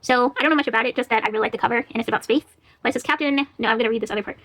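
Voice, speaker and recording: Fast-talking chatty woman book vlogger. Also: a little high, steady tone, a bit bright. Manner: chatty, laughs often, reads blurbs aloud. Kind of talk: casual library haul chat.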